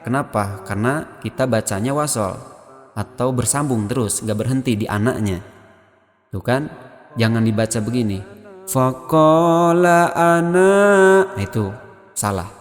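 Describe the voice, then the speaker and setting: A man's voice: lowish voice, normal speed, pauses often, big-room sound, soft background music. An Indonesian-accented man teaching Quran recitation rules, explaining step by step and chanting verses as examples. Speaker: tajwid teacher.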